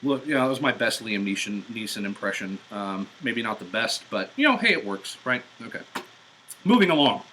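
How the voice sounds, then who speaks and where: A man's voice: on the low side, animated, moderate pace, sharp tone, slight background noise, low-quality recording. A man ranting profanely and in exasperation during a live-stream driving vlog, recorded in a car on a portable device's built-in mic. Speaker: vlogger.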